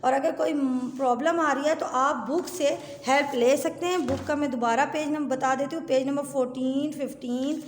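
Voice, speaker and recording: A woman's voice: sits high, steady tone, normal speed, hardly any pauses, slight background noise. A woman, a kindergarten Urdu teacher who patiently spells out letter sounds in a recorded lesson for pupils and parents. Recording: echoey room with long reverb.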